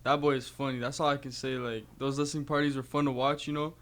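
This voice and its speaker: A male music producer rattles along quickly in a radio studio chat. He keeps a mid pitch, talks loosely, and peppers his sentences with you know. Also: flat delivery, fairly bright tone. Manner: fast, chatty, uses you know a lot. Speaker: producer and mixing engineer. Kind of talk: casual interview.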